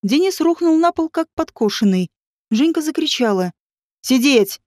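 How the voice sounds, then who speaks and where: A woman narrating an audiobook in a steady, even storytelling manner. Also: high voice, moderate pace, no room sound. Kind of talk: scripted narration.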